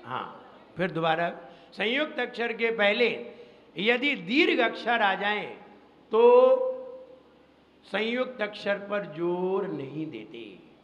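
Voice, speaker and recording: A Jain monk teaching Sanskrit recitation in a classroom lesson. He speaks slowly, repeats each rule several times and quizzes his listeners, with chanted verses in between. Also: high voice, very animated, a bit bright. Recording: dull, echoey hall recording.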